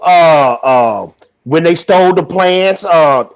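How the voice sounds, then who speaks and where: A man's voice: a little high, expressive, slow pace, dry recording. A man co-hosting a casual livestream chat, eager and full of slang, his voice coming through a tinny, metallic, muffled home mic. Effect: tinny, metallic, muffled mic sound. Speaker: co-host. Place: newly moved home, gear not set up.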